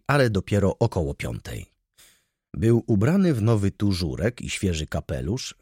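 A man reading a classic novel aloud as narrator, in measured, expressive scripted narration. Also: low-pitched, slightly rough, dry recording, clean studio sound. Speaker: audiobook narrator.

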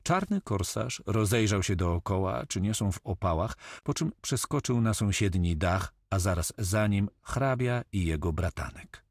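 A man with a lowish voice reads adventure narration at a measured pace. The recording is dry and close, with no room sound at all. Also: lively intonation, darkish tone, husky, no room sound. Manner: measured storytelling. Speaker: audiobook narrator. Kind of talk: scripted narration.

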